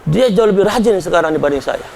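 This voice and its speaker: A man with a high, creaky voice preaches a sermon, speaking quickly and with lively intonation. He talks to the congregation directly and conversationally, sometimes building to loud, impassioned pleas.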